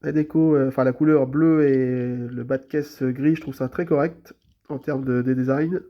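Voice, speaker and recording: Congested from a cold, a man with a medium-pitched, fairly even voice talks at a normal speed about his toy cars for a vlog. The audio sounds dull, and his relaxed, chatty delivery keeps stalling on hesitations and the same fillers.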